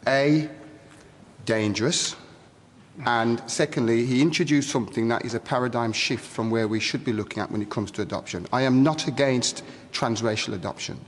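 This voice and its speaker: A man arguing forcefully as a guest in a studio debate. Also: mid-range voice, normal speed, big-room sound. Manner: forceful, argumentative, interrupts.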